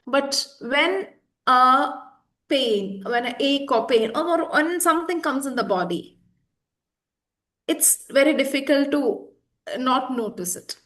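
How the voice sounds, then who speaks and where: A woman's voice: high-pitched, expressive, slow, fairly bright tone. A woman, earnestly explaining an emotional healing technique and repeating words for emphasis. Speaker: EFT practitioner guest. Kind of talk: conversational explanation.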